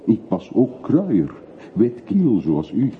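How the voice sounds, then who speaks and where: In a radio play, an actor portrays a brooding middle-aged man returning from long exile, speaking tersely, evasively and reflectively. The voice is lowish and exaggerated, slow, with huge swings in pitch. The old radio recording sounds muffled and phone-like, with faint hiss.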